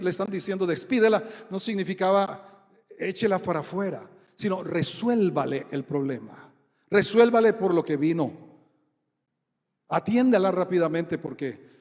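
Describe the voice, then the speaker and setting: A man's voice: sits high, a little mellow. A man with a Colombian accent preaching a sermon as pastor, often putting questions to the congregation. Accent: Colombian Spanish. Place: church hall. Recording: long hall reverb.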